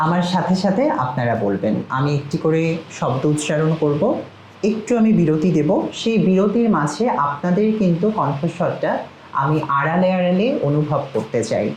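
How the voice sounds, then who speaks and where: Man as a recitation teacher, measured word-by-word drills, roomy echo, faint rain behind. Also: fairly high pitch, expressive, a little mellow, slight background noise. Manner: slow, measured, spells out words one by one. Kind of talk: pronunciation lesson with word drills. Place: outside the studio, storm and rain outside. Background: storm and rain.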